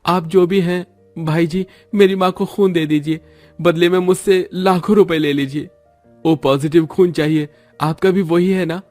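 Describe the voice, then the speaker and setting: A man's voice: high voice, fairly even intonation, normal speed, a little mellow, no echo, faint music behind, voice pushed up, natural voice. A man voicing a desperate young son in a cartoon story, who pleads urgently for help for his mother.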